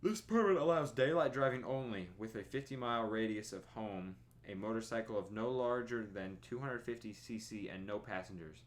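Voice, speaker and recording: A man's voice: lowish voice, normal speed, hardly any pauses. Young man droning through a driver's manual. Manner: plodding monotone reading with yawns and asides. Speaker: streamer. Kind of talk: reading a driver's manual aloud. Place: bedroom at home.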